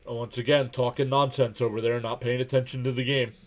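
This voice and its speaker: Man, live stream host, casual play-by-play, calls pitches and counts, chatty, mid-range voice, greets viewers. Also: level tone, brisk. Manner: calls pitches and counts while reading out chat messages; chatty and laid-back, greets viewers by name. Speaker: live game reaction streamer.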